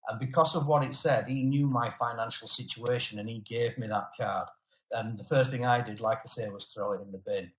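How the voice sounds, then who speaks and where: A man's voice: mid-range voice, steady tone, fairly quick. A man, giving a motivational webinar talk as a network marketing presenter, telling his personal story earnestly. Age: 40s. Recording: roomy echo.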